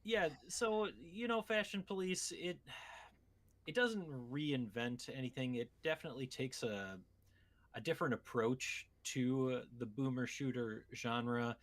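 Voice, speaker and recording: On a video game podcast, a co-host speaks in a medium-pitched, slightly bright voice, a little on the slow side. He explains things loosely and casually, meandering as he talks.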